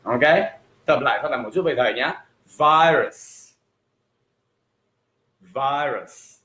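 A man teaching English on a livestream, slowly drawing out words so viewers can repeat the pronunciation. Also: medium pitch, a bit bright. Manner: slow, drawn-out words for drilling pronunciation. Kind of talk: livestream language lesson. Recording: echoey room.

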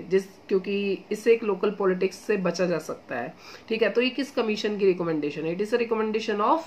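A female exam coach with a high-sitting voice chats casually and encouragingly about studying, addressing her students as "beta" and "guys." She weaves in English phrases and uses "theek hai" again and again as a check-in, over a slight hiss or hum.

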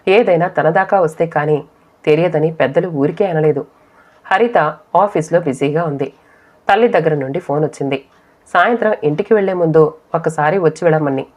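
Low-voiced woman narrating a story. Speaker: audiobook narrator. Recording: dull lo-fi audio.

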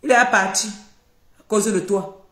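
A woman's voice: mid-range voice, a little slow, fairly bright tone. An older woman, ranting on a live stream, scolding and accusing and repeating her points. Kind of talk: heated live-stream rant. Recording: echoey room.

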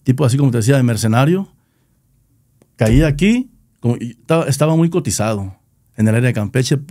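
Relaxed, slangy Mexican man telling stories. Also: mid-range voice, brisk, no room sound, studio quality. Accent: Nayarit Mexican Spanish. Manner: rambling, repeats words, slangy. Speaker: band founder, guest. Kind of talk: casual storytelling interview.

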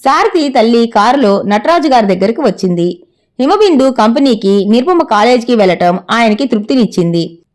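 A woman narrating a serialized story in a steady read-aloud way. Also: on the high side, normal speed.

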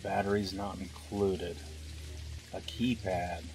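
A man with a somewhat low voice narrates a gameplay session at an unhurried, slow pace. He thinks aloud as he works out puzzles and tosses in wry remarks. Game music plays clearly under his voice. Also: little pitch movement. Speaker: let's play host. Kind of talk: gameplay commentary.

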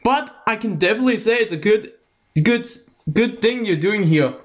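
A man giving a casual spoken review of a video, halting and often restarting his sentences, with a voice that mixes American and British sounds. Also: sits high, expressive.

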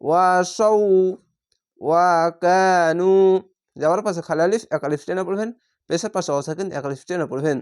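A Quran reading teacher who gives a patient word-by-word recitation lesson, drawing out each Arabic word slowly before explaining the rule. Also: medium pitch, darkish tone. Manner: chants Arabic words in drawn-out recitation tone.

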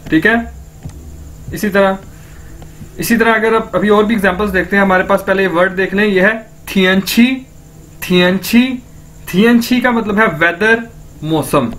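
A man's voice: high voice, measured pace, pauses often, a bit bright. A man tutoring Mandarin phrases, explaining each with repeated examples and often saying okay and friends to the viewer. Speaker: language tutor. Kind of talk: language lesson.

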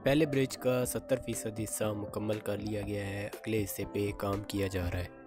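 A man from Pakistan presenting a construction update, calmly pointing out places and describing the work on a site video tour. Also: on the low side, moderate pace, over music. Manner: plain explanatory, pointing out locations.

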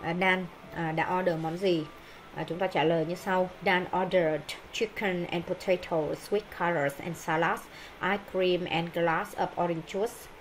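A woman teacher explaining English textbook exercises with many hesitations and pauses. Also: on the low side, fairly even intonation, slight background noise, rough recording.

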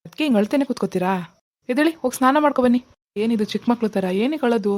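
A woman voicing a gentle, coaxing young husband. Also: a little high, very fast, close to an everyday voice. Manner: coaxing, reassuring.

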